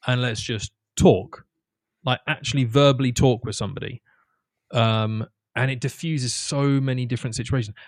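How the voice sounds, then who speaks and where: A man's voice: mid-range voice, no room sound, clean studio sound. A man co-hosting a casual podcast chat, talking emphatically and restarting his sentences when worked up. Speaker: podcast co-host.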